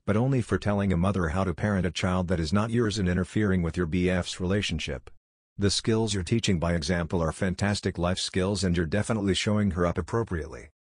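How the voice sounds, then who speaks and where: A man narrating as he reads out comments, in an even and steady tone. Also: low-pitched, fast talker, husky, no room sound, clean studio sound. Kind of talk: scripted narration.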